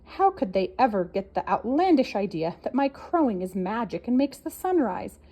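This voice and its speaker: A woman's voice: a little high, very animated, normal speed, lo-fi sound. A woman voicing a small, scraggly, modest rooster who speaks earnestly and pleads to be heard. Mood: musing.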